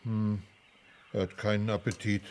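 An actor voicing a kind, good-natured talking elephant who trumpets in elephant talk. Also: male voice, fairly low pitch, level tone, moderate pace, darkish tone, close to an everyday voice. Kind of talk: audio drama acting.

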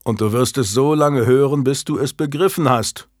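A man voicing a gruff middle-aged knight with a dry, matter-of-fact manner in an audiobook. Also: mid-range voice, moderate pace, no echo, lightly acted.

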